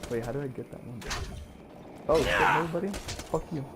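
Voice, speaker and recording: A man's voice: medium pitch, fairly quick, very noisy. A young man streaming a game, chatting casually and rambling with lots of swearing and fillers. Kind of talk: casual chat while streaming gameplay.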